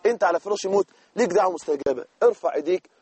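A man's voice: sits high, lively intonation, rapid-fire, a little mellow, slightly rough, no room sound. A man with an Egyptian accent preaching a sermon, earnestly urging the listener. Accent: Egyptian Arabic. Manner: earnest, exhorting, addresses listener directly.

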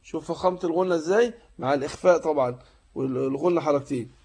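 A man's voice: a little high, a little mellow, slightly rough. A man with an Egyptian Arabic accent teaching Quran recitation rules in a tajweed lesson. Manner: explains rules in colloquial speech, then recites verses slowly in a drawn-out chant.

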